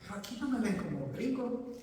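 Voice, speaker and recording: A man's voice: high-pitched, big pitch swings, brisk, darkish tone, a little hiss or hum. A man from Ecuador preaching a sermon in a church, addressing listeners directly and answering his own questions. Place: church sanctuary. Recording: echoey hall, voice from far off.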